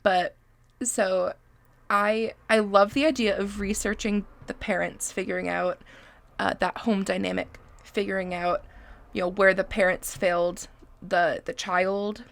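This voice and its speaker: Unhurried and fairly even in intonation, a Massachusetts woman in her twenties hosts a casual solo podcast with a medium-pitched, gravelly, slightly bright voice. She's congested and sniffly, chatty and self-deprecating, and swears freely.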